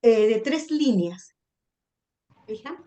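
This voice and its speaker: A Chilean woman leads a sonnet workshop over a video call. Her voice sits a little high. She explains step by step and keeps checking that her students are following. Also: lively intonation, takes it slowly, mellow. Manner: checks in often with "¿ya?" and "¿cierto?". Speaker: literature teacher leading a sonnet workshop. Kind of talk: online class explanation.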